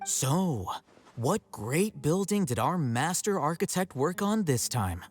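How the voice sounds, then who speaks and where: A man's voice: a little high, big pitch swings, slow, faint music behind, heavily acted. An actor playing a cool, sardonic young male scribe in a video game, dry and teasing.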